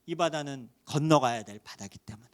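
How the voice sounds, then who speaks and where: A man's voice: medium pitch, a little fast. A male pastor preaching a Sunday sermon, asking rhetorical questions and rising suddenly in volume. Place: church sanctuary.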